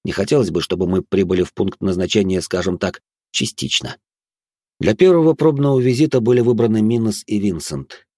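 Low-voiced man narrating an audiobook. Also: lively intonation, fairly quick, warm tone, no room sound, clean studio sound. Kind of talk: first-person audiobook narration.

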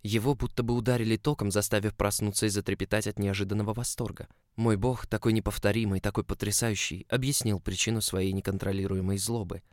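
Low-voiced man narrating a story. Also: steady tone, fast, hardly any pauses, a little mellow, no room sound, studio quality. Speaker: audiobook narrator. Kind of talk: first-person story narration.

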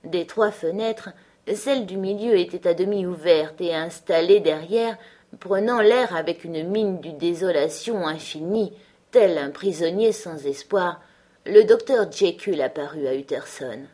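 A woman narrating an audiobook in a steady, clear reading manner. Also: on the low side, a little slow. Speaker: audiobook reader. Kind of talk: scripted narration.

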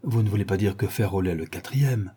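A man voicing an old, gossipy society hostess who chides in raised, indignant exclamations, with a husky voice. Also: lowish voice, a little fast, dark tone. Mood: scolding.

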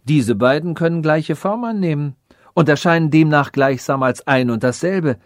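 A man's voice: a little high, normal speed, no room sound, clean studio sound, close to an everyday voice. A man voicing a cruel robot king who mocks his sage and orders executions, in an audiobook reading. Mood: scornful. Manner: mocking, scornful and commanding.

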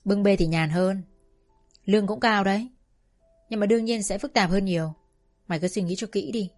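A woman's voice: mid-range voice, normal speed, darkish tone, soft background music, close to an everyday voice. A woman voicing a blunt, bossy young woman friend in a spoken story, talking in a brash, scolding way. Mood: advising.

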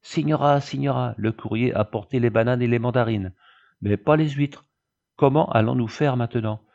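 A man reading aloud as a plump, flustered female Italian housemaid, talking in an excited, hurried way. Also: medium pitch, vocal fry, voice pushed up, natural voice. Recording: dull lo-fi audiobook recording.

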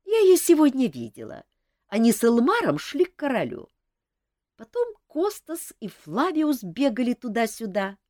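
A woman's voice: fairly high pitch, wildly swooping pitch, moderate pace, a little mellow, dry recording, studio quality, pitched above the performer's own voice. A woman reading the part of an emphatic court lady passing on news in an audiobook.

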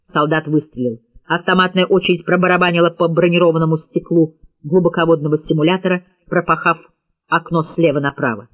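A man's voice: on the high side, flat delivery, fairly quick, phone-quality sound. Man narrating a tense audiobook. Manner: tense, dramatic reading. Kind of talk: scripted narration.

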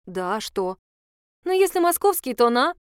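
A woman's voice: fairly high pitch, very animated, moderate pace, clean tone, no room sound, clean studio sound. A woman voicing Dasha, brash and foul-mouthed. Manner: crude, mocking, bossy.

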